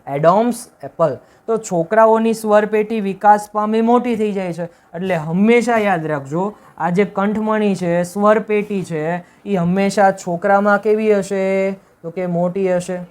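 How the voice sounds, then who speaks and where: A man's voice: high-pitched, normal speed, a little mellow. Male teacher drilling questions. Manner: drills by asking questions and answering them himself; repetitive, emphatic, checks with "right?". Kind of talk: classroom-style video lesson.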